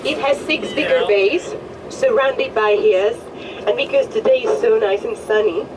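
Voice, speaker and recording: A woman with a Hungarian accent, a tour guide giving chatty, joking commentary on a coach, her voice a little hoarse. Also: on the high side, measured pace. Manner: friendly, chatty, joking with the group. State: slightly hoarse. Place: tour bus. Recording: distant voice with vehicle noise.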